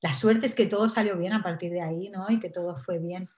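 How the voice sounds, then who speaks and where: A woman, nervous, telling her own story in an interview with halting speech and many restarts. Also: lowish voice, darkish tone, roomy sound. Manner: halting, frequent tag questions and restarts. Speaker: interview guest. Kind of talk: personal storytelling.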